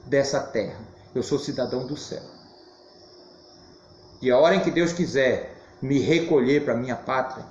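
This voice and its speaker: A hoarse man teaching an adult Sunday school class, speaking emphatically and now and then shouting. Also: mid-range voice. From Brazil. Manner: animated, emphatic, occasional shouting. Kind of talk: church Bible class teaching. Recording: roomy, dull, faint hiss.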